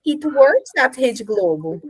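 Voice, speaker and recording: A woman with a Brazilian Portuguese accent teaching an English grammar lesson, explaining in a playful, animated way with jokes. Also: high voice, slow, slightly rough, no echo, studio quality.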